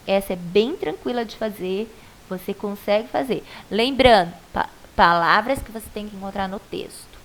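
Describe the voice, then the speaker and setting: Brazilian woman, primary teacher in a one-on-one video lesson; unhurried, coaxing delivery, a bit high-pitched. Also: a little hiss or hum, poor audio. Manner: slow, patient, coaxing; stretches syllables to show stress. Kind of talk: private video lesson for a child.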